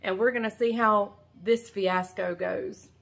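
A grandmother in her fifties who vlogs about her farm rambles cheerfully to the camera in her home kitchen, loose and chatty with lots of fillers and restarts. Her voice is mid-range, a little slow, gravelly and fairly even in intonation, with background noise. The camera starts close up, then sits further off at the counter.

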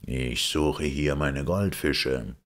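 Man voicing a lofty mysterious stranger, very deep, slow, gravelly, audiobook. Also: exaggerated voice. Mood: solemn. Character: mysterious robed male stranger, lofty and chanting.

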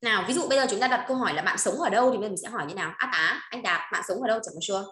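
A woman's voice: medium pitch, racing, bright, forceful tone, reverberant. A woman teaching a language lesson, repeating phrases and often checking that students follow. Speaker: Chinese teacher.

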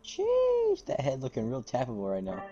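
A young man in casual gaming chat, making excited slang-filled callouts. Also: medium pitch, normal speed, breathy edge, highs cut off, faint music behind. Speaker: gamer.

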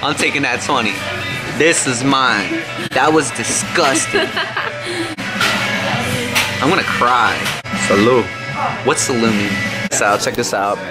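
A man's voice: mid-range voice, slow pace, pauses often, loud music behind the voice. A young man chatting casually to camera, joking and laughing often. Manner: laid-back, jokey, laughs often. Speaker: vlogger. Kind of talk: casual vlog chat.

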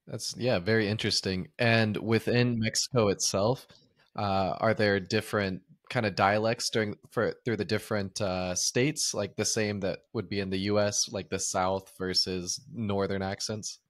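A man's voice: fairly low pitch, steady tone, normal speed, dry recording. A male podcast host asking interview questions, hesitant, with many restarts.

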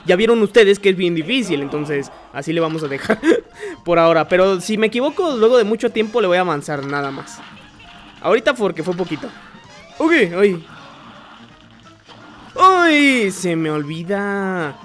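A man giving gameplay commentary, excitable, yelping and swearing when he gets hit. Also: high-pitched, normal speed. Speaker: gamer. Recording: faint music behind.

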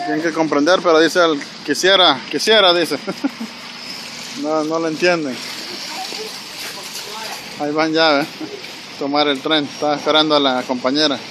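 Walking and filming on a snowy city street, a male vlogger narrates to viewers on his handheld phone in a chatty, direct way, frequently adding "¿verdad?". He speaks on the high side, with a steady tone, moderate pace and frequent pauses, amid outdoor street noise and passing traffic.

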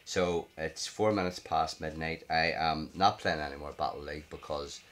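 A man's voice: a bass voice, fairly even intonation, normal speed, a bit bright. A man with a Northern Irish accent giving live commentary on a mobile game, exasperated, muttering and swearing at the screen. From Northern Ireland. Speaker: gaming vlogger. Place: home at night.

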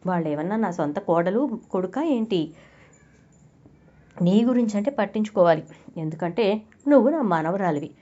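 A woman voicing a sharp-tongued, suspicious grandmother who pries and scolds, over a dull lo-fi recording. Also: medium pitch, lively intonation, normal speed, long pauses, close to an everyday voice. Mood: prying. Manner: prying, scolding.

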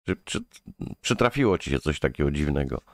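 A man's voice: extremely low pitch, lively intonation, a little fast, no room sound, studio quality. A man from Poland hosting a casual interview, chatty and searching for words with many fillers. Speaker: host.

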